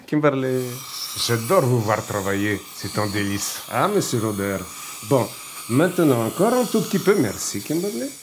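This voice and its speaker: A man's voice: medium pitch, sing-song, measured pace, noisy background. An actor playing a boastful, opinionated dentist with a Bulgarian accent who chatters and needles his patient. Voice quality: chatty, needling, chuckling asides. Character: boastful opinionated middle-aged male dentist. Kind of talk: film acting.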